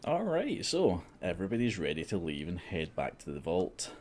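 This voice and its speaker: A man's voice: low voice, wildly swooping pitch, moderate pace, a little mellow. A man running a tabletop game as game master, amused and given to theatrical narration. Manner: amused, often laughing, theatrical rhyming narration.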